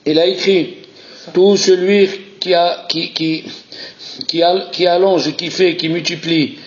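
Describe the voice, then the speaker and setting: In a Torah lesson given in French sprinkled with Hebrew terms, a man teaches slowly but in an animated, insistent way, returning again and again to his key phrases. His voice is a bit high, and the lo-fi recording is muffled.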